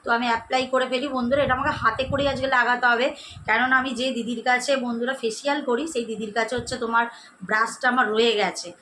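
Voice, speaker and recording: Young woman beauty vlogger, rapid chatty tutorial delivery, slightly high voice, home camera mic. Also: fairly even intonation, bright, forceful tone, slight background noise, rough recording. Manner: chatty, addresses viewers as friends, demonstrating as she goes. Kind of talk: casual skincare tutorial. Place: at home, indoors.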